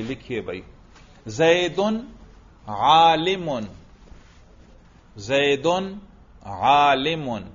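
Man, teacher, classroom grammar drill, quick questions and praise, mid pitch, dull lo-fi recording. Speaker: religious school teacher.

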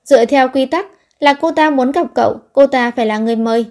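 A woman voicing a proud, sharp-tongued young woman in an audiobook, speaking curtly and scolding. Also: sits high, fast. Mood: imperious. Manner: curt and scolding.

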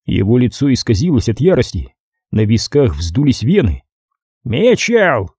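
A man's voice: mid-range voice, very animated, moderate pace, warm tone, slightly rough, dry recording, studio quality. A man reading a crime novel aloud as audiobook narrator. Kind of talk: scripted narration.

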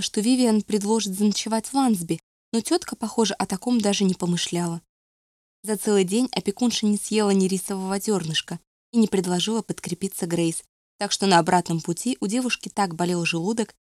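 A woman calmly narrating an audiobook. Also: mid-range voice, no room sound, studio quality. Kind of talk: scripted narration.

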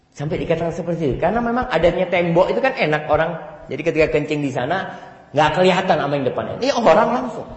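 Male preacher, animated sermon, chanted verses, fairly high voice, roomy echoing mosque sound. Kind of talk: Friday sermon. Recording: echoey hall, voice a bit far.

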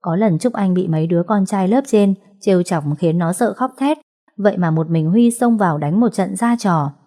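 A woman storyteller reading a story aloud in a calm, even, scripted way. Her voice is mellow and darkly warm, with a middle pitch. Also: normal speed.

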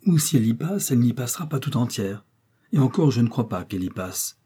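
A man's voice: mid-range voice, big pitch swings, fairly quick, dark tone, husky. A man voicing an old male servant in a storybook reading, blunt and plain-spoken. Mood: earnest.

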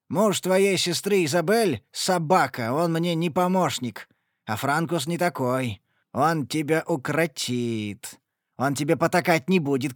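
A man's voice: on the high side, dry recording, clean studio sound, natural voice. A man voicing a brutal old mercenary father who roars harsh scolding at his daughter.

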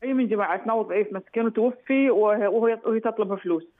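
Phone caller, female, rapid, halting explanation, thin phone-line sound. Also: mid-range voice, no room sound. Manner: hesitant, restarts often while explaining. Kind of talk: phone call to a radio show.

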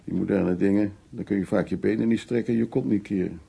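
In a naturalistic radio drama, a male actor plays a worldly, flirtatious middle-aged art restorer, speaking in short, familiar, unhurried phrases with relaxed self-assurance. His voice is lowish, steady and mellow, with vocal fry, a breathy edge and exaggerated delivery.

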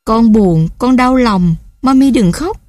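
Woman doing a high pleading toddler. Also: normal speed, no room sound, clean studio sound, lightly acted. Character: toddler child, three years old, upset and pleading.

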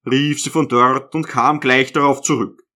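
A man's voice: mid-range voice, steady tone, unhurried, sharp tone. A man reading a novel aloud. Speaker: audiobook narrator. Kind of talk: literary audiobook narration.

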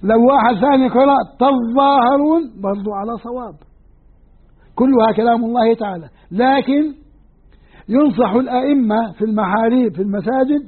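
A man's voice: very high-pitched, fairly quick, slightly rough. A man with a Levantine Arabic accent teaching a Quran lesson, explaining patiently and repeating and counting points aloud with his listeners. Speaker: Quran lecturer. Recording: tinny lo-fi lecture recording.

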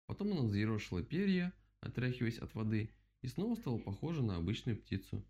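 A man reading a children's story aloud in an expressive, playful way. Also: medium pitch, a little fast. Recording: dull lo-fi recording.

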